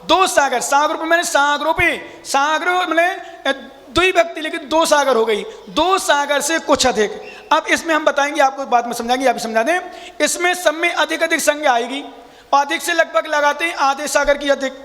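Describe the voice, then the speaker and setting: Male monk lecturer, very high bright voice, explains and quizzes, reverberant hall. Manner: explains step by step, quizzes listeners, chants sutras slowly. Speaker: Jain monk teaching scripture. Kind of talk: scripture class lecture.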